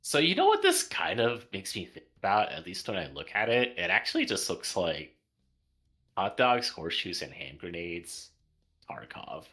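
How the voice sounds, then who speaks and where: Deep-voiced joking guy on a gaming stream, crisp bright tone. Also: huge pitch swings, moderate pace. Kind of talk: casual gaming stream chat.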